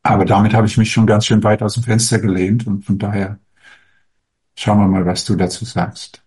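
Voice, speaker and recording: A man with a fairly low voice answers viewer questions as a spiritual teacher. He speaks in a calm, musing way, pausing often with small hesitations as he feels his way through each answer.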